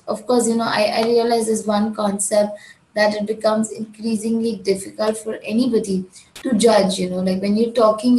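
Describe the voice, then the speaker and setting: This instructional talk comes from a woman IELTS tutor from India who speaks English with a Gujarati accent. She teaches a speaking lesson in a firm, direct manner and goes back over key points. Her mid-range voice sounds creaky and dark, captured on poor audio with a roomy sound and slight background noise.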